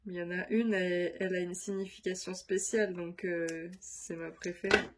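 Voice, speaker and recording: A woman's voice: lowish voice, flat delivery, normal speed. A woman vlogger chatting casually to camera, her voice nasal from a stuffy nose, rambling with many fillers. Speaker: crafts vlogger.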